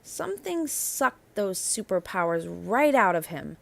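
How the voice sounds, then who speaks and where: A woman narrates a children's picture book, reading with expressive emphasis and drawing out the key words. Her medium-pitched voice has some vocal fry, and her pace is a little slow.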